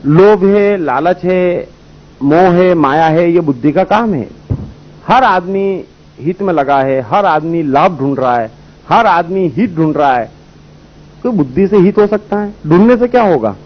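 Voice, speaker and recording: A man with a high voice gives a spiritual talk, explaining his points through folk stories and rhetorical questions. The sound is dull and lo-fi, like an old recording. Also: animated, unhurried. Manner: storytelling, rhetorical questions, voices characters in anecdotes. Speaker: spiritual speaker. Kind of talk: spiritual discourse with parables.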